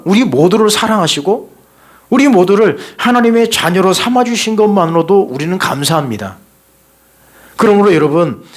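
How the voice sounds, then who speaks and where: Earnest preacher man, fairly high voice. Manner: earnest exhorting preacher with rhetorical questions. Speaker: pastor. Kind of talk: sermon. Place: church sanctuary during a live service.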